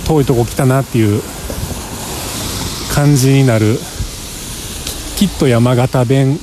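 A man's voice: lowish voice, background noise. A man with a Kansai accent, chatting in a rambling, self-mocking way for a casual travel diary while walking outdoors across a parking lot. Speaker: travel vlogger.

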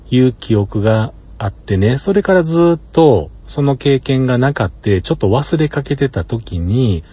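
A man's voice: lowish voice, warm tone, husky. A man with a Kansai accent rambling in an easygoing way in a casual solo monologue, often chuckling, recorded inside a parked car. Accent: Kansai Japanese. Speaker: solo podcaster.

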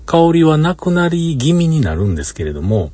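A man's voice: on the high side, sing-song, fairly quick, mellow, husky, dry recording. A man with a Kansai accent rambling in an easygoing way in a casual solo monologue, often chuckling, recorded inside a parked car. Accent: Kansai Japanese. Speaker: solo podcaster.

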